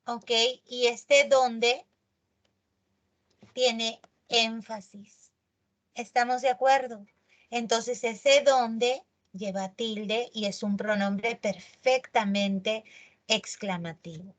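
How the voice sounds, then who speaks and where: A woman teaching a grammar lesson. Her voice sits fairly high, and she talks slowly and emphatically, stretching out key words. She keeps checking in with her listeners. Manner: animated, emphatic, checks in with tag questions.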